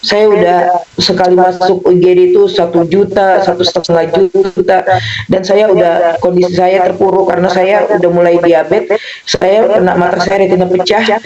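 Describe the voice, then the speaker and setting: A woman giving a rambling, animated personal testimony to an audience, acting out her own exclamations as she tells it. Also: on the low side. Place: event with a live audience. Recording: muffled recording with crowd noise.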